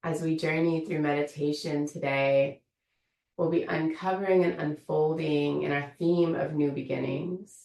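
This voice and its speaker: Guiding a meditation for an online yoga studio, this teacher speaks in a low, slightly gravelly voice, steady in tone, slow and gently inviting. The mic sits at a distance, leaving her words echoing through the room.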